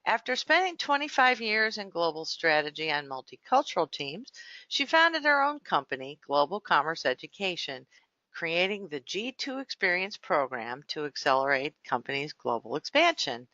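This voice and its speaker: Woman, podcast host, bright forceful voice, articulate, formal delivery, dry close sound. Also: sits low, sing-song, moderate pace, dry recording, dull audio. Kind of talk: scripted podcast introduction and interview.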